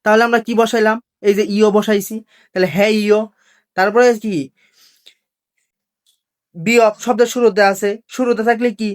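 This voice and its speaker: A woman's voice: medium pitch, fairly even intonation, normal speed, long pauses. Patient woman teaching step by step. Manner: patient, asks questions and repeats the answers. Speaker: language teacher. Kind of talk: step-by-step classroom lesson.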